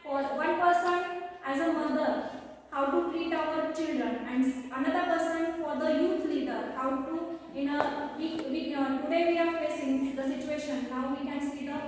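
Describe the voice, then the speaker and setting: Female Indian program host, polite and halting, high-pitched, far from the mic with faint noise. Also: fairly even intonation. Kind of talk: school program hosting. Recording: echoey hall, distant mic, noisy.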